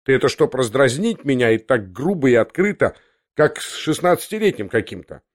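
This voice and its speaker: A man's voice: mid-range voice, fairly quick. A man voicing an agitated, hot-headed young man who breaks into indignant outbursts in an audiobook reading. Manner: excited, shouting outbursts.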